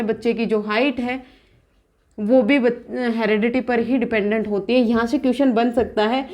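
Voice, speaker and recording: High-voiced woman teaching an exam lesson. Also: a little mellow. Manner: explains by asking questions and answering them; restates terms in both English and Hindi. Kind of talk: exam-prep lecture.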